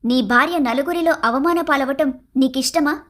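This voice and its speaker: A woman voicing a discontented young wife in an animated story, who complains, taunts and shouts at her husband. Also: sits high, moderate pace. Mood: complaining. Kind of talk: animated cartoon story voice acting.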